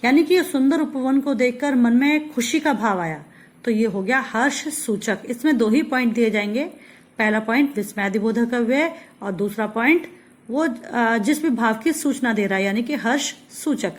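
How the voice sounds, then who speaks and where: A woman from India teaching a Hindi grammar lesson, patiently explaining step by step and reading example sentences slowly. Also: on the high side.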